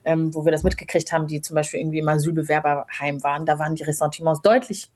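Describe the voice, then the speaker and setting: Speaking as an interview guest, this thirties-aged woman shares personal anecdotes in a relaxed, thoughtful, conversational way. She was born in Rwanda and grew up in a small German town from age ten. Her low, steady voice is slightly mellow and comes out rapid-fire.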